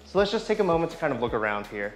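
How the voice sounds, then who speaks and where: A man's voice: medium pitch, sing-song, racing, soft background music. A man in his thirties hosting a walking tour of an old house, enthusiastically guiding viewers from room to room. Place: empty old house, indoor rooms.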